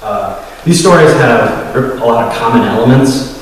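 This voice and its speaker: A man's voice: medium pitch, lively intonation, a little slow, a little hiss or hum. A man giving a storytelling talk to a congregation, hesitant and full of fillers, openly nervous. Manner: hesitant, many fillers, admits nerves. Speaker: guest speaker at a secular congregation. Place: large echoey hall. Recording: echoey hall, voice from far off.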